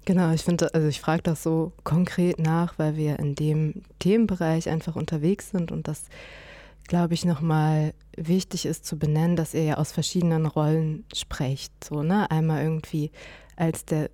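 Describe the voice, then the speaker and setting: Female moderator, low mellow voice, dry recording, thoughtful and hesitant delivery. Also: level tone, no room sound. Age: adult, mother. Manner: measured, hesitant with fillers. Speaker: host and interviewer. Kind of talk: moderated conversation.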